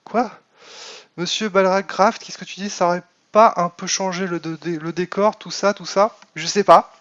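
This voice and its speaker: A man's voice: sits high, fairly even intonation, normal speed, a bit bright, dull audio. A man casually commenting on his live game stream, thinking aloud with many fillers and answering chat. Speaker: Minecraft modpack streamer.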